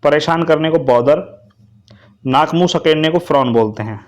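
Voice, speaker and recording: Teaching English vocabulary, a fairly high-pitched man talks directly to students at a moderate pace and gets them to repeat each answer.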